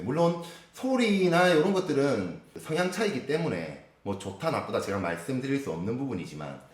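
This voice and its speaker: A man's voice: on the low side, echoey room. A man hosting a guitar channel, explaining guitar specs in a casual gear review chat. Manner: explanatory, measured, frequent affirmations. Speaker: guitar lesson channel host.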